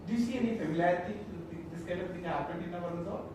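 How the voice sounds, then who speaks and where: A man's voice: high voice, racing. A man with a Malayalam accent leading an interactive training talk as a corporate trainer, often putting questions to his listeners to check they follow. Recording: echoey room, distant mic, loud background noise.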